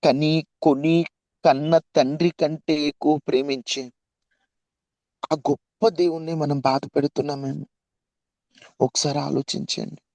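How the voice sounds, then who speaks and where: A man's voice: fairly high pitch, little pitch movement, a little slow, long pauses, dark tone, no room sound. A man preaching an impassioned sermon to an online youth meeting, pleading and repeating questions to his listeners.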